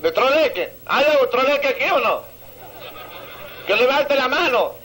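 A man's voice: very high voice, lively intonation, normal speed, pushed and bright, poor audio. A man from Santiago del Estero with a Santiagueño Argentine accent, telling crude jokes outdoors as a stand-up comedian and laughing at his own punchlines. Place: outdoors on a seaside promenade.

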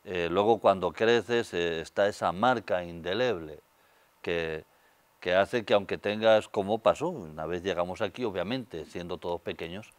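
Older man, accent from Spain, lowish voice, dry lapel mic, storytelling guest. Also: moderate pace, clean tone, no room sound. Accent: Spanish, from Spain. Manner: storytelling, gestures with hands, many fillers. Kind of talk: studio interview. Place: TV studio set.

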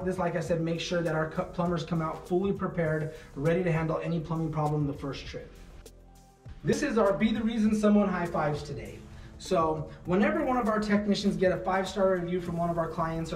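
A man in his thirties giving a relaxed walking tour of his company's warehouse and offices, with frequent fillers. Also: a little high, recorded from a distance. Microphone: camera following him, mic at a distance. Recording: echoey rooms, voice a bit off-mic, soft music underneath.

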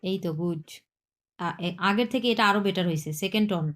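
A woman teaches an online language lesson at a mid pitch. She talks patiently and repeats each point, checking often that students understand. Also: brisk.

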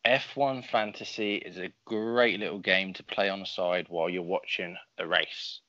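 A man's voice: low-pitched, fairly even intonation, normal speed, bright, forceful tone, dry recording, highs cut off. A man co-hosting a casual podcast, explaining things with dry, teasing humor. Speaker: podcast co-host.

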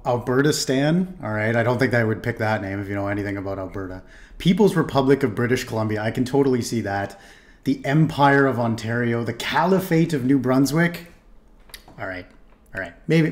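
A man's voice: mid-range voice, brisk. A young Canadian man chatting casually in a reaction video, making laughing asides and often repeating words, recorded in a small room on a desk mic. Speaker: reaction streamer.

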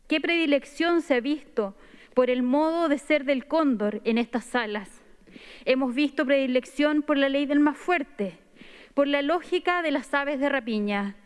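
A woman delegate with a Chilean accent giving a firm, measured formal speech read from notes at a podium microphone in a large wood-paneled assembly hall. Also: high voice. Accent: Chilean Spanish. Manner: firm, measured, reading from paper. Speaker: convention delegate.

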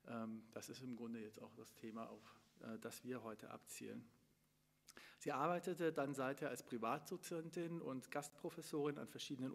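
A man's voice: mid-range voice, creaky. Middle-aged man, moderator, hesitant with fillers, stand mic, long hall reverb. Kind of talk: live talk introduction and interview. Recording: long room reverb, from far camera.

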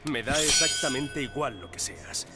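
A man's voice: medium pitch, expressive, normal speed, over loud music, close to an everyday voice. A man playing a cold, terse warrior.

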